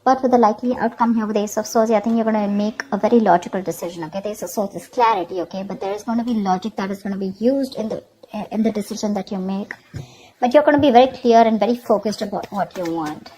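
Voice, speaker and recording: The tarot reader talks fast at a medium pitch with a dark tone, over a rough recording carrying a faint hiss or hum. Reading the cards on the fly for her channel, she speaks casually to the viewer and checks in often with "okay" and "you know."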